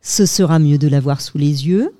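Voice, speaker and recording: A woman's voice: low-pitched, moderate pace, dark tone, no echo. A woman hosting a live school web radio show, patient and hesitant, with many fillers.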